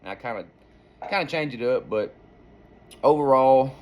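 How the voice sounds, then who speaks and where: A man's voice: medium pitch, normal speed. A man giving an informal hands-on lesson as a hunting instructor, explaining in a folksy, rambling way. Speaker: duck-calling instructor and hunter.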